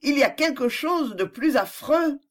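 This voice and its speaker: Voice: high voice, expressive, measured pace, pitched above the performer's own voice. The reader voicing a proud, wounded young woman who protests with impassioned questions in a novel reading. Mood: indignant. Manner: impassioned, rising pleading questions. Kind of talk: audiobook character reading.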